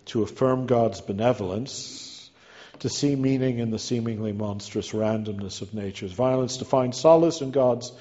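A man's voice: mid-range voice, normal speed, mellow. A man delivering a scholarly lecture from a prepared text, with erudite, ornate phrasing and an emphatic, rhetorical delivery. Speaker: guest lecturer giving a talk. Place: large reverberant hall. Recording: muffled, reverberant hall recording.

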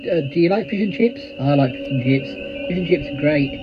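A man's voice: on the high side, animated, fairly quick, lightly acted. A man with a British accent playing a kindly, rambling, bashful bloke in an audio drama, hesitant and bumbling. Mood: awkward, kindly. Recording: muffled sound with prominent music. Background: music.

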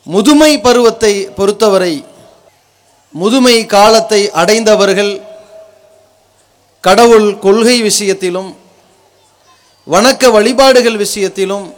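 Man preaching like a thundering orator, really high pitched, slow deliberate pace, forceful short phrases. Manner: forceful, declamatory, rhetorical build-up in short phrases.

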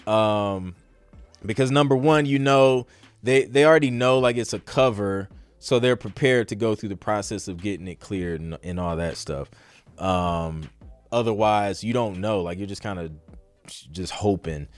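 Faint music plays behind this man's fairly low voice, recorded with no echo and delivered at an ordinary pace. Hosting his podcast, he works through questions in a loose live Q&A, musing out loud and filling gaps with "like" and "you know."

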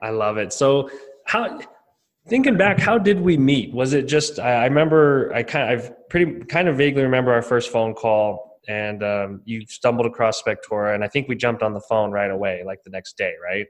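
A man with an average-pitched voice hosts a casual interview. He speaks informally and agreeably, affirming what he hears and asking conversational questions. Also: normal speed. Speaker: interview host.

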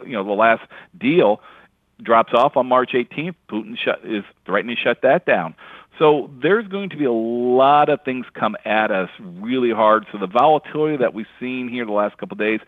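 A man speaking over the phone as a market analyst, giving relaxed, conversational commentary with frequent fillers. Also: mid-range voice, no echo. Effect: heard over a phone line. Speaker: grain and livestock market analyst. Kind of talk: casual market commentary in an interview. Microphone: telephone. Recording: tinny, dry phone line.

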